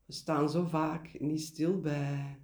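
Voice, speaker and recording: Man, guided meditation, slightly high-pitched, unhurried, gentle, deliberate pauses, roomy echo. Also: flat delivery. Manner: gentle, deliberate, with pauses and repeated key words. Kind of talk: guided meditation, spoken reflection.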